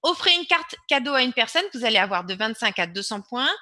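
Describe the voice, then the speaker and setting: Bright, high-voiced woman presenting a webinar. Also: sing-song, brisk, no room sound. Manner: insistent, repeats words for emphasis. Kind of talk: online webinar with screen-share demo.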